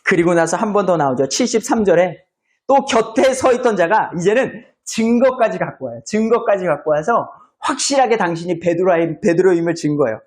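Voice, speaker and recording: A man's voice: high-pitched, expressive, brisk, a little mellow. A male pastor preaching a sermon in a church, retelling a story with acted-out voices.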